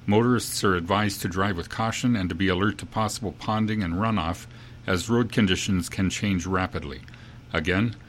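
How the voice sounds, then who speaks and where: A man reading a scripted emergency bulletin in the grave, measured, official manner of a civil defense broadcast. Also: deep voice, slight background noise.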